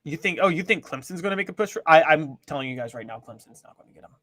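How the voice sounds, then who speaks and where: A man co-hosting a sports talk show, talking casually with emphatic, animated delivery. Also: on the high side, racing.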